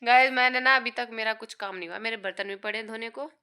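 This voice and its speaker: A woman's voice: a little high, fast talker, sharp tone, clean tone. A young woman vlogging casually at home, cooing and baby-talking to her infant son between remarks to viewers.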